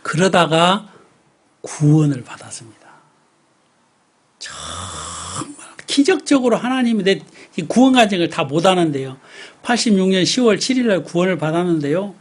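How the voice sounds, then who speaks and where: Jeolla-accented pastor in his sixties, high and very expressive, animated testimony preaching. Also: moderate pace, breathy edge. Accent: Jeolla dialect. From Namwon, South Korea. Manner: animated storyteller who acts out his own past outbursts. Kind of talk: Sunday sermon with personal testimony.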